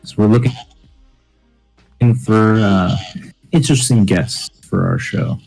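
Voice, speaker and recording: A man's voice: lowish voice, takes it slowly, vocal fry, darkish tone, husky, faint music behind, rough recording. A man in casual podcast chat with friends, laid-back and joking as a co-host.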